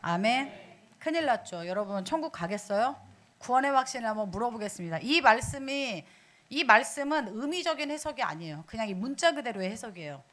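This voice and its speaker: A woman's voice: on the high side, fast. A woman preaching a sermon in a church, asking the congregation questions as she goes. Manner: animated, asks the congregation questions.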